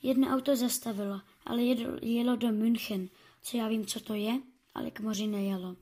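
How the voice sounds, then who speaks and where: A woman reading a first-person story aloud, halting and correcting herself as she goes. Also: a little high, fairly even intonation, dark tone.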